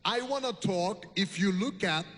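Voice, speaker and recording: A man preaching a sermon, leading his congregation through a slow, deliberate reading while an interpreter translates his lines. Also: high-pitched, fairly bright tone. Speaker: bishop preaching. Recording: reverberant hall.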